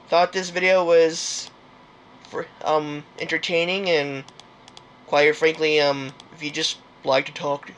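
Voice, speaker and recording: Young male gaming host, higher-pitched, rambling and hesitant. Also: clean tone. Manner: rambling, hesitant, many fillers and restarts. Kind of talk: casual game commentary outro.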